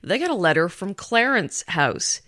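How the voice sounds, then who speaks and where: A woman's voice: medium pitch, very animated, moderate pace, fairly bright tone. A woman co-hosting a radio show, chatting and reading out local news items. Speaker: radio co-host. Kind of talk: casual morning radio chat.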